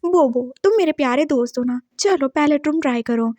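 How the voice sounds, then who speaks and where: A sweet-talking, sly young woman coaxes and wheedles in a high, bright voice, as a woman storyteller acts her out. She is a figure in a told drama story, recorded dry and close. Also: a little fast, no room sound, lightly acted. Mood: coaxing. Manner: coaxing, overly sweet.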